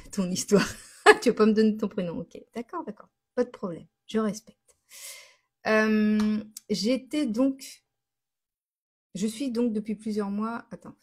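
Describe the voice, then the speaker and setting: A woman hosts a live stream in a relaxed, conversational way. Her voice is soft and a little breathy at a middling pitch, and she laughs easily while answering her viewers' comments. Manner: restarts and self-corrects often. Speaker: host of a daily live stream. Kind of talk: casual live chat with viewers.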